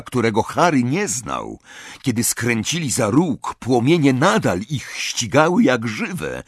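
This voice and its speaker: A man's voice: mid-range voice, husky, no echo, clean studio sound. A man narrating an audiobook with dramatic, varied storytelling. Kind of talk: expressive audiobook reading.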